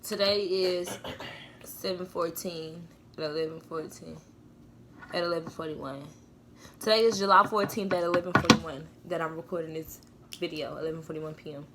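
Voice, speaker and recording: A woman's voice: on the low side, fairly even intonation, normal speed, a bit bright, a little hiss or hum. A young woman hosting a casual mukbang at home, chatting directly to her viewers.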